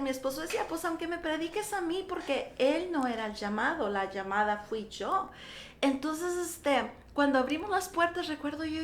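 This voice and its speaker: A woman's voice: high voice, roomy sound, slight background noise. A middle-aged woman pastor, giving her testimony in a radio interview and acting out the dialogue she recalls. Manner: animated storytelling, acting out quoted dialogue. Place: radio studio.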